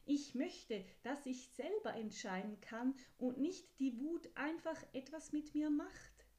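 A woman voicing an earnest young horse in a children's story, speaking higher and louder than her narration in a pleading way. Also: slow pace. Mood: resolved.

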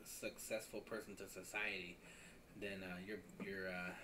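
A man hosting a casual podcast who tells jokes and stories in a rambling, halting way. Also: low voice, flat delivery, pushed and bright, a little hiss or hum. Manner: rambling, halting, joking storyteller. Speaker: podcast host.

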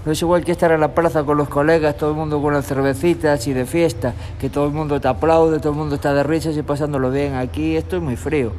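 A young man from Galicia, a street guitarist, talking in a relaxed, rambling way in an outdoor tunnel. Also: on the high side, quick pace, few pauses, slight background noise. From Galicia, Spain. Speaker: street musician. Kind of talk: street interview. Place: tunnel in a city park, outdoors.

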